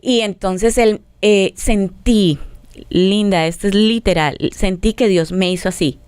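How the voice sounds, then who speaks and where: A woman's voice: medium pitch, fairly even intonation, measured pace, darkish tone, smooth, dry recording. A middle-aged woman, a family counselor, sharing a heartfelt personal story in an interview and acting out what was said. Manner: earnest storytelling, acts out dialogue. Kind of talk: testimony in interview.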